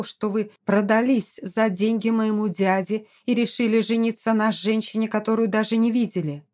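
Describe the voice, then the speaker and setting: A woman voicing a proud young noblewoman in an audiobook, speaking in a sharp, emphatic, scornful way. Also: a little high. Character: proud young noblewoman, fiercely indignant wife.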